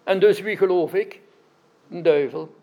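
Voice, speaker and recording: A man with a high, dark-toned voice preaches an interactive sermon at an unhurried pace. He keeps questioning his listeners and checking they follow along, tossing in frequent "right?" checks.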